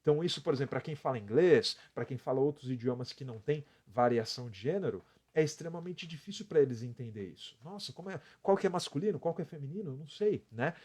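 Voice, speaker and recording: A man's voice: fairly high pitch, animated, fast talker, hardly any pauses, a little mellow. A Brazilian man teaching English on a live stream, explaining step by step, counting out letters and often adding a tag question. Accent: Brazilian Portuguese.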